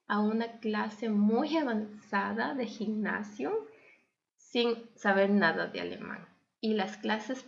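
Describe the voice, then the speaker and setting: A young adult woman with an Ecuadorian Spanish accent shares her story and advice conversationally as an interview guest. Her medium-pitched voice carries heavy creak, and the recording sounds a little dull and lo-fi.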